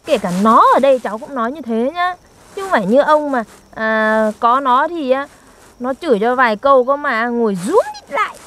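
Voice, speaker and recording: A woman's voice: sits high, expressive, moderate pace, fairly bright tone. A young woman, performing in a scripted comedy skit and teasing and scolding her partner in an exaggerated way. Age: young adult. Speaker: comic actor.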